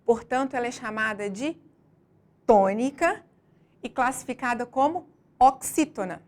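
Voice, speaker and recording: A woman teacher reading a scripted lesson slowly and deliberately, stressing each syllable as she explains. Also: fairly high pitch, a little mellow.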